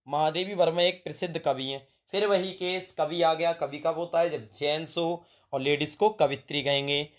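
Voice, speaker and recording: A man teaching a grammar lesson to students, calling them "beta" and making joking asides between corrections. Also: on the high side.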